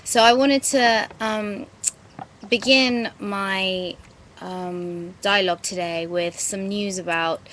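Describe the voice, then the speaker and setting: A woman, talking to her webcam outdoors in a garden. She speaks reflectively, pausing often with ums and restarting her sentences. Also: medium pitch, fairly even intonation, a bit bright, slight background noise, rough recording. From England. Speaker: vlogger. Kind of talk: casual talk to camera. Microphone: webcam at close range.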